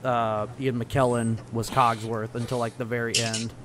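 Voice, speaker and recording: A man co-hosting a casual podcast, joking and telling animated stories. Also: medium pitch, normal speed, crowd noise. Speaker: podcast co-host. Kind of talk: casual chat.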